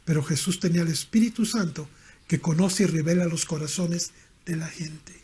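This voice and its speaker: A middle-aged man with a Mexican accent, a pastor preaching a sermon and telling personal stories, acting out the dialogue and dropping into soft asides. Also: fairly high pitch, fairly quick, slightly rough. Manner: storytelling, acts out dialogue, drops to soft asides.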